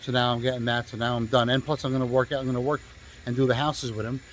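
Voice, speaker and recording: A man's voice: medium pitch, level tone, fast talker, slight background noise, low-quality recording. A male real estate agent telling a story in a casual, rambling way, swearing freely and stopping often to restart with fillers.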